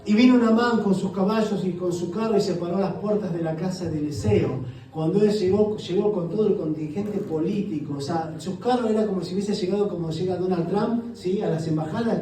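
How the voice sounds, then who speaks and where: A man's voice: sits high, a little fast, few pauses, dark tone. A male guest pastor, preaching a sermon full of rhetorical questions and acted-out quotes. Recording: echoey church hall, voice from a distance.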